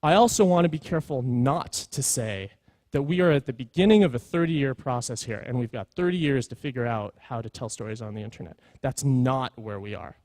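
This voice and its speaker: A man with a slightly high, darkish voice tells stories earnestly and informally while presenting at a conference, hammering home his points. He's a creative executive, and the recording has no room sound.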